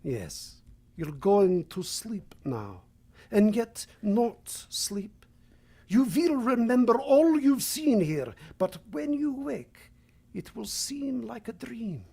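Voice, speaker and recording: A woman playing a commanding, seductive male vampire count in a vintage-style radio drama, husky and theatrical, with measured menace. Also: on the high side, sing-song, dark tone, exaggerated voice. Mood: hypnotic, commanding.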